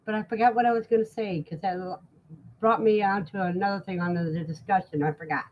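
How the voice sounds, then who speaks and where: A woman's voice: mid-range voice, steady tone, fairly quick. A woman in her sixties hosting a casual livestream chat, folksy and talkative, reading out viewer comments and answering them. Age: 60s. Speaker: livestream host. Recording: dull lo-fi sound.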